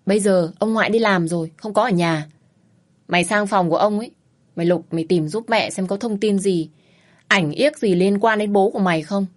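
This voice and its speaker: A woman voicing a loud, bossy, nagging middle-aged mother who scolds her grown daughter coarsely. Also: medium pitch, brisk, close to an everyday voice. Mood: scolding.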